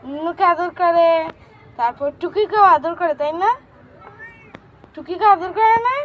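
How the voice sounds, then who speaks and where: A woman talking baby talk to her pet cat at home, asking gentle sing-song questions. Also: very high voice, unhurried, some chatter behind, a little hiss or hum, poor audio. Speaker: cat owner. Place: home with cats.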